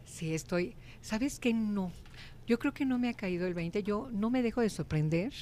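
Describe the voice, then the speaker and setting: A middle-aged woman with a Mexican accent, chatting as a guest and telling lively stories. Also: mid-range voice, moderate pace, slight background noise. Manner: animated storyteller, acts out quoted voices. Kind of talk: casual interview chat.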